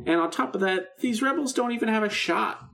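This man's voice is high-pitched, creaky, and a bit bright, and he talks briskly. As a podcast co-host, he's eagerly recapping a radio drama in casual fan chat.

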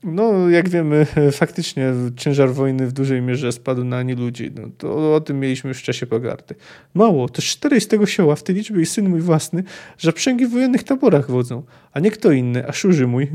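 Brief: male podcast host, reads from a novel and comments on it, hesitant with lots of fillers, slightly high, mellow voice. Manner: hesitant, many fillers and self-corrections. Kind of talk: book discussion with read-aloud passages.

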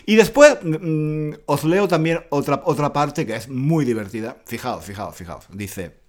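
A man's voice: fairly high pitch, a little slow. Laughing Spanish man teaching slang. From Spain. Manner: animated, laughs often, repeats words for learners. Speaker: Spanish teacher podcast host. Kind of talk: casual explanatory podcast lesson.

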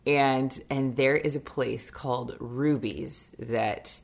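A woman's voice: extremely low pitch, steady tone, slow pace, creaky. A young woman co-hosting a casual podcast, chatty and full of fillers, with a groggy morning voice. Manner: chatty, laughing often, many fillers. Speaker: podcast co-host. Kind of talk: casual chat.

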